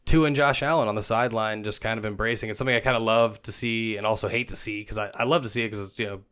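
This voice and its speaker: A man's voice: lowish voice, steady tone, fairly bright tone, smooth. Joking young man narrating sports clips. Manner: jokey, puts on players' voices in quick asides. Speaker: football video host. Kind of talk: comic play-by-play voice-over.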